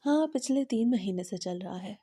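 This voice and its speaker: A woman voicing a calm, defiant wife who answers back in a composed, matter-of-fact way. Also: medium pitch, breathy edge. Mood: calm defiance.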